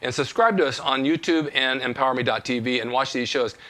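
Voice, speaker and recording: A man's voice: mid-range voice, brisk, a bit bright. An older man hosting a fitness talk show, telling folksy stories and giving motivational tips. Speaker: host. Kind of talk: casual chat.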